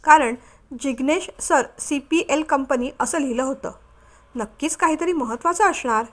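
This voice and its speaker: High-voiced woman reading a story. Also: normal speed. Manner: steady, emotive reading. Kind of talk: storybook narration.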